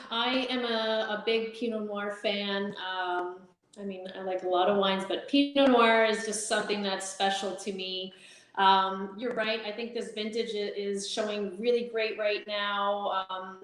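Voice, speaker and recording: A woman talking through a wine casually, like a sommelier describing a tasting. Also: mid-range voice. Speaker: winery representative presenting wines. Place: indoors in winery tank room. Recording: very echoey room.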